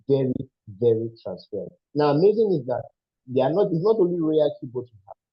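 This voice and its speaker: A man's voice: a little high, very animated, a little fast, husky, no room sound. A man leading a group call who explains things in a preacher-like way, repeating himself and restarting his sentences, speaking through headphones. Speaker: team leader answering questions. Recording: dry muffled online call audio.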